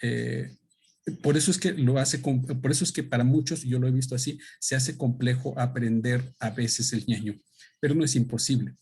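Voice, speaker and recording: Man, Mexican Spanish accent, native Otomi speaker, husky voice, mid pitch, halting thoughtful explanation to an audience. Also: darkish tone. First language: Otomi (Hñähñu). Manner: thoughtful, halting, pauses to search for words. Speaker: speaker at a book presentation.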